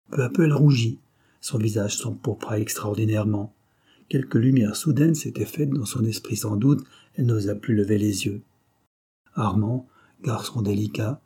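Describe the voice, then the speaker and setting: Husky, dark-voiced male audiobook narrator. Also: medium pitch. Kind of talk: scripted narration.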